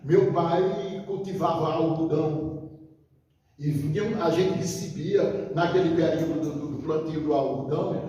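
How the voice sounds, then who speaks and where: An older retired teacher and writer from Northeast Brazil tells childhood stories in a casual interview, drifting along, reminiscing and frequently restarting to fix his words. He has a fairly high, warm voice with a steady tone and a slightly slow pace. The dull audio is distant and echoey, with a long reverb.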